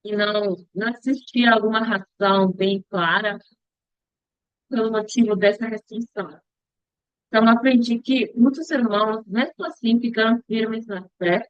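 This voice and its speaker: A young woman talking slowly and hesitantly in a casual vlog about her upcoming mission, often stopping to search for words and restarting her sentences. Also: a little high, no echo. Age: young adult. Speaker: future missionary practicing a language. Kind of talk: casual reflective vlog monologue. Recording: dull, dry lo-fi recording.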